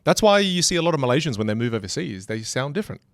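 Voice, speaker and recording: This medium-pitched man races through a casual podcast conversation about communication, animated and putting on other voices. He has an Australian accent with a British lean, and the studio-quality recording has no room sound.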